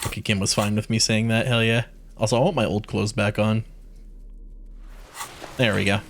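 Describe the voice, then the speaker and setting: A man's voice: lowish voice, flat delivery, moderate pace, slight background noise. A man giving casual, profane, joking commentary while streaming a game.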